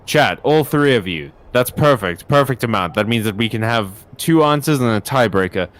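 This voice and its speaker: A man casually chatting while streaming a video game, joking and animated. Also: medium pitch, moderate pace. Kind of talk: casual let's-play chat.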